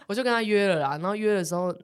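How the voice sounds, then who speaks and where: Over slight background noise, a woman with a mid-range voice and a quick pace tells a story as co-host of a podcast. Her casual, animated delivery is full of laughter, swearing and acted-out quotes from others.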